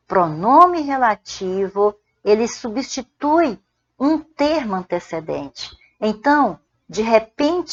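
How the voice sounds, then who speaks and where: A woman's voice: mid-range voice, muffled recording. A Brazilian woman teaching Portuguese grammar, drawing out example sentences word by word and checking in with "certo?". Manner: slow, deliberate dictation of examples, frequent "ó" and "certo?". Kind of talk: spoken grammar lesson.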